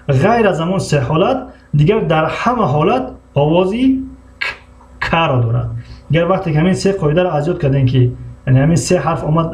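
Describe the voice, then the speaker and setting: A man with a Tajik accent teaching an English lesson, slowly spelling out letters and repeating each word several times for his students. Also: fairly high pitch, a little mellow. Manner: slow, repeats words over and over for students. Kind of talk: classroom language lesson.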